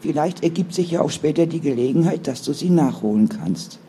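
Man doing a serious big sister, firm but caring, storybook voice, bit higher. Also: lively intonation, brisk, dark tone, a little hiss or hum, lightly acted. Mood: earnest. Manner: stern then soothing, earnest. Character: firm, caring older sister, loyal party member.

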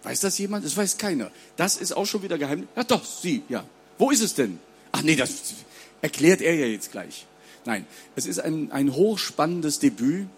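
Male moderator at a live reading, fairly high voice, casual and chatty. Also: sing-song, moderate pace, slight background noise. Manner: chatty, addresses the audience, fillers. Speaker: event moderator. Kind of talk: introducing an author at a reading. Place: public book reading with audience.

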